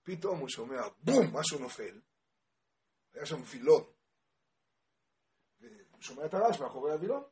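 High-voiced man teaching with passion. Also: pauses often. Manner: animated, asks the audience questions, grows loud and impassioned. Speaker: Torah teacher.

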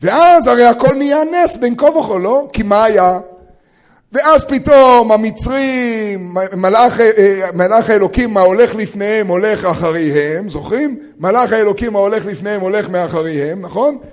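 A high-pitched male teacher giving a Torah lesson to fellow educators. He talks in an animated way, fires off rhetorical questions and acts out quotes, dropping to a hush and then bursting loud. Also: few pauses. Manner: swings between loud and hushed.

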